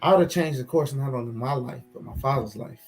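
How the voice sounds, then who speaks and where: A man's voice: mid-range voice, quick pace, soft background music. A man chatting casually and reflectively with friends as a co-host, candid and swearing freely, repeating phrases for emphasis. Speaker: co-host of a casual talk show.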